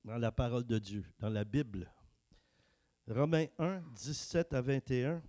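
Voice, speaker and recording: A man preaching a casual, joking sermon and reading scripture slowly. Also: medium pitch, mellow. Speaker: preacher and worship singer. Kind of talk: casual sermon with sung worship.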